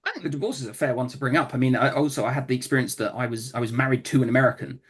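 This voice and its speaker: Husky-voiced London comedian, relaxed storytelling. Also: male voice, mid-range voice, very fast. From England. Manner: relaxed storytelling with many fillers and restarts. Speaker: comedian guest. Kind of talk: casual interview chat.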